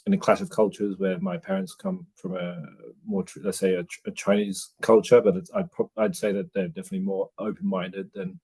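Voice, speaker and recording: A man's voice: low-pitched, expressive, brisk, creaky, hardly any pauses, darkish tone, breathy edge. A man in his forties from Australia, talking through his thoughts in a casual interview, hesitant, with many restarts and fillers. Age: 40s. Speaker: interview guest, new father.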